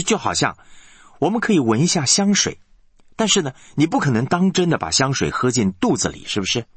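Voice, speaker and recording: A man's voice: mid-range voice, a bit bright, breathy edge, no room sound. A male pastor preaching a sermon, asking the congregation rhetorical questions.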